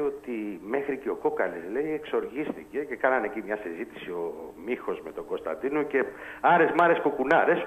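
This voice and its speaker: A man calling in to a radio show, talking football in a heated, emphatic and blunt way. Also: mid-range voice. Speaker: radio caller. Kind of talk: heated call-in football talk. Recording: tinny phone line.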